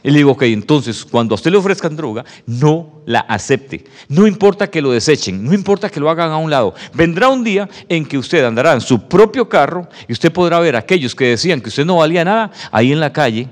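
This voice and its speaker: Animated preacher in a reverberant hall. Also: male voice, on the high side, a little fast, hardly any pauses. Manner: animated storytelling, acting out dialogue. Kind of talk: sermon testimony.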